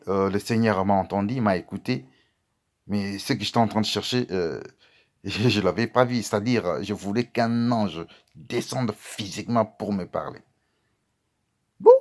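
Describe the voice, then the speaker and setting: A pastor with a rather low voice preaches a testimony. He speaks warmly to his beloved listeners and moves from loud outbursts to quiet asides. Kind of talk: sermon testimony.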